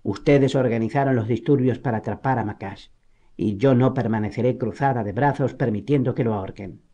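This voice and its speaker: A man's voice: mid-range voice, fairly quick, warm tone, lightly acted. A man voicing a fierce, proud young noblewoman in an audiobook, speaking indignantly with a raised voice. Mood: defiant. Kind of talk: audiobook character reading.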